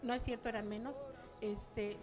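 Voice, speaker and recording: A woman's voice: fairly high pitch, steady tone, normal speed, music in the background. An older woman giving a chatty personal testimony to her church, acting out remembered dialogue.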